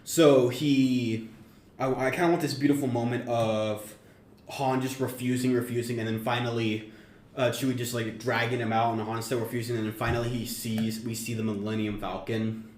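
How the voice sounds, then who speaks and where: A man co-hosting a podcast, pitching a story idea in a meandering, self-correcting casual chat. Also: level tone, moderate pace, a little mellow. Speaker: podcast co-host. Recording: roomy echo, faint background noise.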